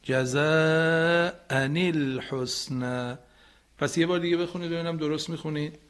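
A man's slightly high voice, delivered flatly, guides a radio lesson in Quran recitation. He corrects students patiently and demonstrates phrases slowly, occasionally chanting.

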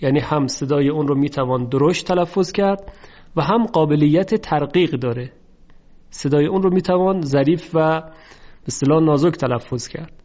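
A man teaching a lesson on Quran recitation, slowly drawing out example words to demonstrate pronunciation. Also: on the high side, darkish tone. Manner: slow, drawn-out demonstration of words. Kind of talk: lesson on tajweed. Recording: dull lo-fi recording.

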